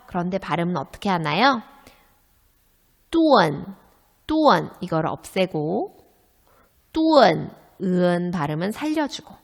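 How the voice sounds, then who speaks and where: A woman's voice: mid-range voice, big-room sound. A woman teaching a Chinese lesson, drilling pinyin sounds and asking questions she answers herself. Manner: asks rhetorical questions and answers them. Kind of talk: recorded classroom lesson.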